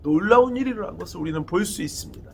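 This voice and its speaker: A man's voice: high voice, expressive, very fast, gravelly, darkish tone, a little hiss or hum. A man giving a sermon to a youth group, retelling a Bible story dramatically and asking his listeners questions. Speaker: youth pastor.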